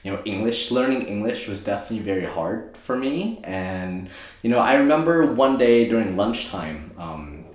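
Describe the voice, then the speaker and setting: A deep-voiced young man from Thailand, a native Thai speaker, rambles through his story as an interview guest. He keeps adding fillers and correcting himself, and his voice rings around a very echoey room. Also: lively intonation, normal speed. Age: 20s. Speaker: guest, optometrist and DJ.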